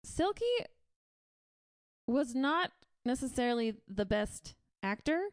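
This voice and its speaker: A woman's voice: a little high, expressive, slow pace, clear, resonant tone, dry recording. Chatty young woman, dry close sound. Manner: chatty, laughs often, many "like" fillers. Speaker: podcast co-host. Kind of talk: casual chat reviewing a TV episode.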